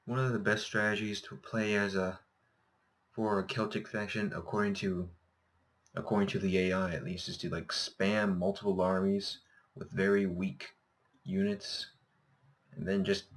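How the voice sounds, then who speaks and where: A man's voice: deep voice, fairly even intonation, measured pace, long pauses. A man with a slightly scratchy, sore-throated voice commentating casually on a game, thinking aloud and correcting himself. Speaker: gameplay host.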